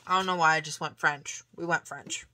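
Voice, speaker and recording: A woman chatting casually to camera as she shows off a shopping haul, rambling with many fillers and laughs and now and then dropping into soft, breathy asides. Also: sits low, fairly even intonation, brisk. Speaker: vlogger showing a shopping haul.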